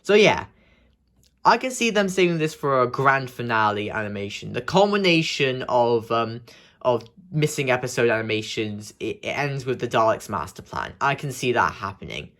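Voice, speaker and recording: A man's voice: mid-range voice, sing-song, moderate pace, a bit bright. A young man with the hiccups, rambling through casual vlog commentary with many restarts and fillers. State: has the hiccups. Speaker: video creator.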